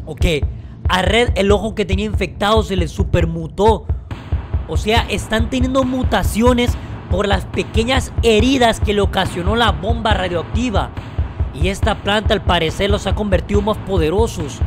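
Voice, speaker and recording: High-pitched man, gameplay commentary, dramatic startled shouts, faint music behind. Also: moderate pace. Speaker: gaming YouTuber.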